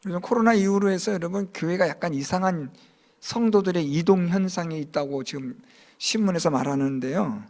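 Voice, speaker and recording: A man's voice: high voice, brisk, a little mellow. A male pastor preaching a sermon in church, emphatic and firing rhetorical questions at the congregation.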